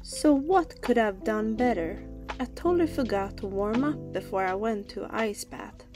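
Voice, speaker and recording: A woman's voice: medium pitch, normal speed. A woman in her thirties giving a plain, informal vlog voice-over. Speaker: vlogger. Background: music.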